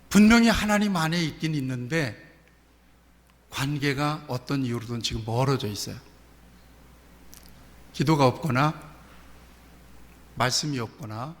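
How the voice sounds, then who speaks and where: Middle-aged man, pastor, animated sermon, rhetorical questions, long church reverb. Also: on the high side. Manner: animated preaching with rhetorical questions and personal stories. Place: church sanctuary.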